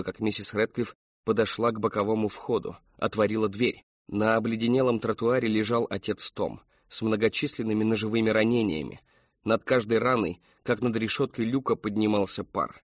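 A man reading an audiobook in measured scripted narration. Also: on the low side, steady tone, dry recording. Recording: dull dry studio read.

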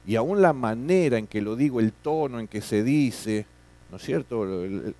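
A man's voice: medium pitch, expressive, moderate pace, dark tone. A middle-aged man teaching a classroom lecture, often tagging his sentences with questions and repeating words.

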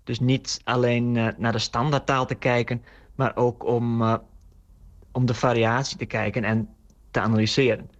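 A man board game designer explaining in a measured way in an interview soundbite. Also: mid-range voice, level tone, muffled recording.

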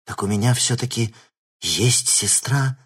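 A man's voice: mid-range voice, a little slow, fairly bright tone, slightly rough, voice pushed up. A man voicing a startled young woman who exclaims in an audiobook.

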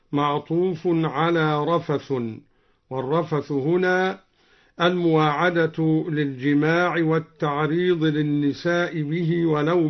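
A man teaching and chanting Quranic readings in a slow, measured, melodic way, his voice sitting a little high. It comes from a dull, muffled old radio broadcast recording.

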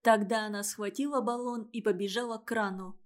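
A woman's voice: medium pitch, steady tone, a little fast. A woman reading a children's story aloud expressively, doing all the voices. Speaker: narrator.

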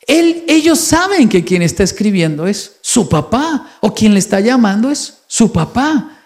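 Middle-aged man telling heartfelt stories. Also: high voice. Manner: warm storytelling, emphatic repetitions, chuckles. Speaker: conference speaker. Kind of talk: heartfelt conference talk.

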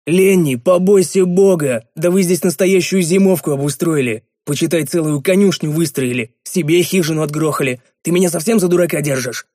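A gruff leader, voiced by a man reading a story, barking out stern commands. Plain male voice, dry close recording. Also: mid-range voice, a little fast, darkish tone, dry recording, lightly acted. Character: gruff male leader, quick-tempered then easing.

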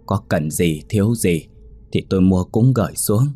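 Storybook figure: a frail sorrowful wife, voiced by a male narrator, faint and husky. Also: sits low, moderate pace, dark tone, faint music behind. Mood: grieving. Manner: weak, plaintive. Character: grieving mother, the landowner's wife.

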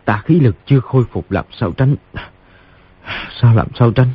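A man's voice: medium pitch, expressive, moderate pace, husky. A man voicing a fierce wounded bearded swordsman. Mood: weak, hushed. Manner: roaring threats, then weak and breathless. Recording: dull lo-fi audiobook recording.

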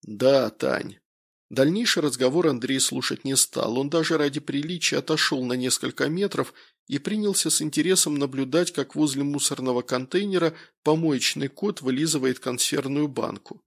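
A man narrating an audiobook in a steady, even reading voice. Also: a little high, moderate pace, vocal fry, hardly any pauses.

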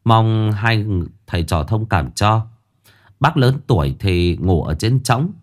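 A man's voice: fairly low pitch, expressive, slow. A man voicing a poor young village man who speaks politely and pleads anxiously. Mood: humble.

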